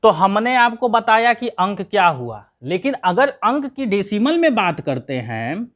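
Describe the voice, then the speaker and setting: A man's voice: sits high, very animated, a little slow, fairly bright tone. A man teaching a math lesson, asking questions and answering them himself, counting aloud step by step. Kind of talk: classroom lesson.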